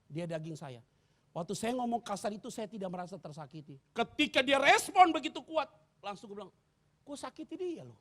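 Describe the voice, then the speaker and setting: A man, preaching a sermon. He jokes and swings between loud bursts and hushed asides. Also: sits high, lively intonation, a little fast. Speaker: pastor.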